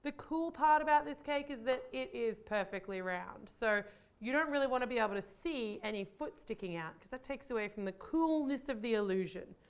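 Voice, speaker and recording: A woman's voice: high-pitched, smooth. A woman hosting a baking channel, giving bubbly, chatty step-by-step instructions in her kitchen. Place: home kitchen.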